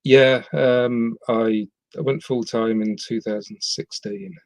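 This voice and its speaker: Speaking slowly in a steady, mid-range voice, this middle-aged West Midlands man, with an English, not Scottish, accent, chats casually as a podcast guest. He hesitates often, with many ums and restarts, and the audio has no echo.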